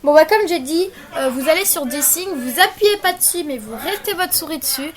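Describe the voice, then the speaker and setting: A woman's voice: high-pitched, animated, moderate pace. A young woman talking through a screen-recorded tutorial in a chatty, rambling way, full of fillers and apologies. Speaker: tutorial maker. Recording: faint background noise and clicks.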